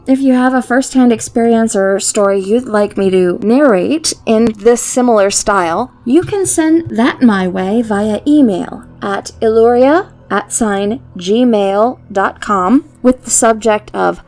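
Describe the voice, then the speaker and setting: Playful and whimsical, a woman narrates stories and hosts on YouTube in a scripted, theatrical manner. Her voice is on the high side and a little mellow, accompanied by background music.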